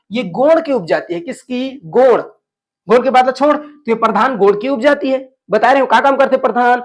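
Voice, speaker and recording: A man teaching an exam class, asking questions and answering them himself, with local phrases mixed in. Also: very high-pitched. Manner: slips into Chhattisgarhi phrases. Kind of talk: lecture drilling exam facts.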